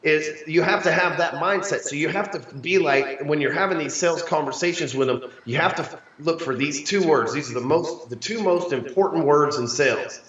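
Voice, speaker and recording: A man's voice: fairly high pitch, a little fast, few pauses, a bit bright, a little hiss or hum. A man from the United States talking casually as an interview guest, brash, slangy and full of swearing. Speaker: sales coach, interview guest. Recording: roomy, distant, slightly dull microphone.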